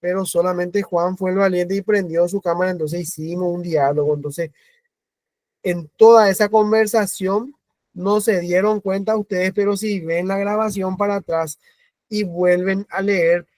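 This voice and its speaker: A man with a Paraguayan accent teaching an online class, explaining slowly, repeating points and asking questions. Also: high voice, fairly even intonation, a little mellow, no echo. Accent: Paraguayan Spanish. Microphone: video call.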